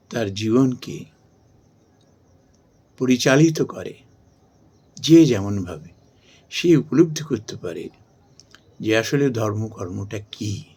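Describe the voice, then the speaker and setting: Slow gravelly man giving a devotional talk. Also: on the low side, darkish tone. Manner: slow, measured, chants Sanskrit verses. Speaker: spiritual speaker.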